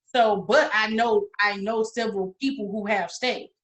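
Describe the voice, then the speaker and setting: A woman's voice: medium pitch, fairly even intonation, normal speed. A young adult woman co-hosting a podcast, talking bluntly and emphatically with frequent swearing in casual chat. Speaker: podcast co-host.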